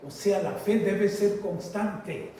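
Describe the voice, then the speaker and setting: A man preaching a sermon in a slow, emphatic way, repeating phrases and calling listeners brothers, with a heavy cathedral-like echo. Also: high-pitched, warm tone. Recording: very echoey hall, voice from far off, faint noise.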